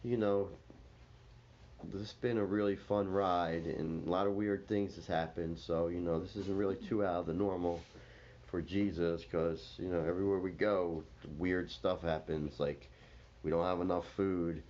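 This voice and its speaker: A man's voice: low-pitched, steady tone, moderate pace, a little mellow, lightly acted. A man voicing Mary as an unfazed woman who rambles matter-of-factly. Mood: resigned. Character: unfazed woman, Mary, used to strange events. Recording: slightly dull with faint noise.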